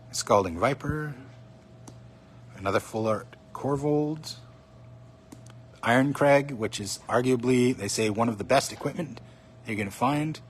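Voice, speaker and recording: A man of mid pitch talks casually through a card opening, calling out each pull with bursts of excitement. His voice is slightly hoarse. A faint hum sits under the recording. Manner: chatty, excited, naming cards as he pulls them. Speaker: card box opening streamer. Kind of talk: casual livestream commentary.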